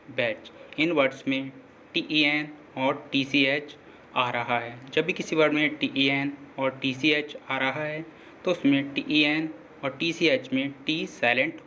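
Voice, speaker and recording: A man teaching a lesson, slowly and patiently explaining rules and repeating them. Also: medium pitch, bright, forceful tone, a little hiss or hum. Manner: slow, repetitive, patient explaining. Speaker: English teacher.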